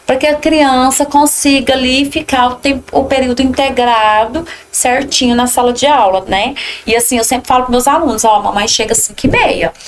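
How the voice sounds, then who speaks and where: A Brazilian preschool teacher talks in a casual podcast conversation, warm and reassuring, and she acts out the lines she uses with children and mothers. Her voice sits fairly high for a woman. A faint hiss of noise runs under the recording. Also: fairly even intonation, fairly quick. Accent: Brazilian Portuguese. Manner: warm, reassuring, tells anecdotes with quoted lines.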